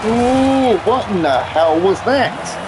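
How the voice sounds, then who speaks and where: A man's voice: fairly high pitch, very animated, measured pace, background noise. A man giving casual gameplay commentary as a streamer, irritated and swearing as he complains at the game.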